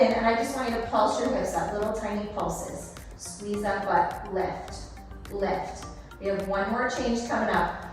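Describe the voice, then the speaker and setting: A woman leading a workout as an aerobics-style Pilates instructor, cueing moves and counting down reps in an encouraging, instructive way. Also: a little high. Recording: echoey room, distant, music behind.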